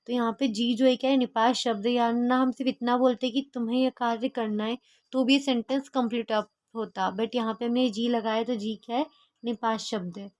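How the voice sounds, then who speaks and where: A woman's voice: a little high, darkish tone, dry recording. A woman tutoring a grammar lesson, explaining each example and answering her own questions, with fillers and restarts.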